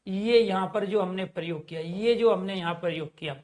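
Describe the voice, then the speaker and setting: A man's voice: sits high, moderate pace, a little mellow. Guy teaching hindi grammar online, keeps asking the class stuff then answering it himself. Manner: asks the class questions and answers them himself; addresses viewers as dear friends.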